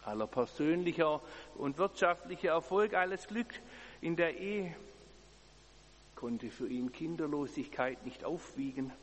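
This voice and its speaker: Man, sermon, earnest and measured, slightly high voice, long church reverb, faint hum. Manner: earnest, measured, emphatic repetitions. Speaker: preacher.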